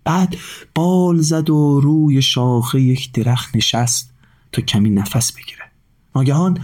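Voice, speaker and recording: Man narrating a children's story. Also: medium pitch.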